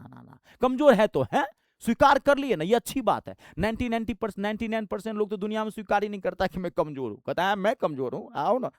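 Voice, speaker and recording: Man, exam coach, blunt fiery pep talk, lively swinging pitch, dry sound. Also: dry recording. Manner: fiery and blunt, with rustic slang. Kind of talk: motivational exam-prep talk.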